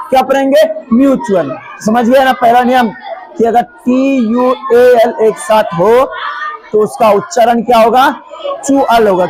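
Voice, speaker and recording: A man teaching English pronunciation to a class of children. He calls out loudly, asks questions, then repeats the answers himself. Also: very high-pitched. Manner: loud, calling out to the class. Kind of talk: classroom lesson. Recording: noisy room ambience.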